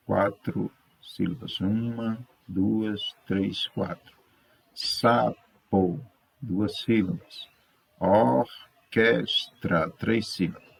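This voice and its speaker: A Brazilian man with a fairly low, gravelly, husky voice and a Brazilian Portuguese accent teaches a third-grade class. He patiently corrects exercises and checks in with his pupils, speaking slowly and stretching words out syllable by syllable.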